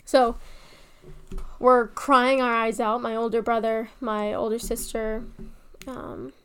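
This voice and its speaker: A young woman with a fairly high voice recounts a personal family story. Her delivery is emotional, dropping to a hush in the sad stretches and rising sharply when the story turns. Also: slow pace, clean tone. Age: young adult. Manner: emotional, swings from hushed to excited.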